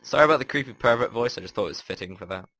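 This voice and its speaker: A man's voice: medium pitch, lively intonation, rapid-fire, bright, forceful tone. A young man giving casual, rambling gameplay commentary with a wry, offhand manner. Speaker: gaming video host.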